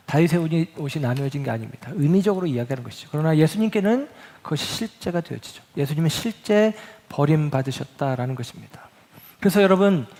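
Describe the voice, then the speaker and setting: A man preaching a sermon as a pastor, reading scripture slowly and speaking earnestly with emphatic rises. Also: on the high side, a little mellow. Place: church sanctuary. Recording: long hall reverb.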